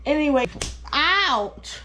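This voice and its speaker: A woman's voice: high-pitched, lively intonation, slow, pushed and bright, highs cut off, a little hiss or hum. A woman vlogger chatting casually through a prank, laughing constantly between words. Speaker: YouTube vlogger. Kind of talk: casual prank vlog chat.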